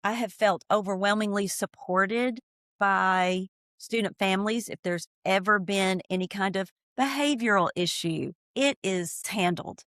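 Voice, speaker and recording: Speaking unhurriedly in a mid-range voice, an ESL teacher from East Tennessee gives a conversational interview, animated and earnest, with emphasis on her key points. The studio sound is clean, with no room sound.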